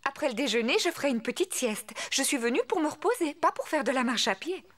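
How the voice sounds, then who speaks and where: A woman's voice: sits high, expressive, quick pace. A woman voicing a caring, practical mother pig in a French children's cartoon, motherly and mildly chiding. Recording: cartoon music behind the voice.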